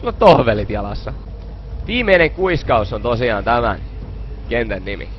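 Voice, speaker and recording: A man's voice: mid-range voice, very animated, dull audio, music in the background. A young man playing a horror game, narrating his let's play after drinking beer, swearing a lot and screaming in panic when frightened. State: tipsy from beer. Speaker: gaming video host.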